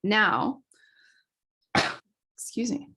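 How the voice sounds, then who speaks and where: A woman astrologer giving a casual explanatory talk, quick and chatty, with fillers and self-corrections. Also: mid-range voice, very animated, pushed and bright. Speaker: astrologer teaching a class.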